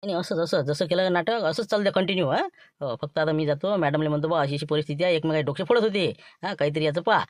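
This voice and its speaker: A man with a Vidarbha Marathi accent talking in a low-key, scheming way in a comedy sketch dialogue. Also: fast talker, no echo, clean studio sound.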